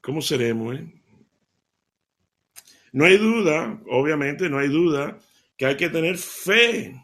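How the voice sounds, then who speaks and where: A man giving a devotional talk, telling stories in an animated way and laughing as he goes. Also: on the high side, takes it slowly. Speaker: lay preacher.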